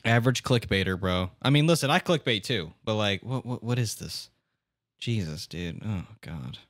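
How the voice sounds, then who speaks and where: A man's voice: fairly low pitch, animated, normal speed, no echo, clean studio sound. A young man streaming, reacting to a video in casual commentary, exasperated and swearing as he rants.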